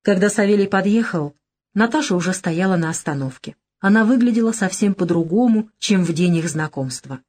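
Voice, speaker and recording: A woman narrating an audiobook in a calm, even storytelling manner. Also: lowish voice, a little fast. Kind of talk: scripted narration.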